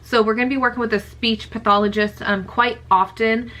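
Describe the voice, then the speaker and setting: Chatty excited mom vlogger, fairly high voice. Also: female voice, a little fast. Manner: chatty, excitable, many fillers. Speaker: vlogger, mother. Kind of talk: casual vlog talk to camera.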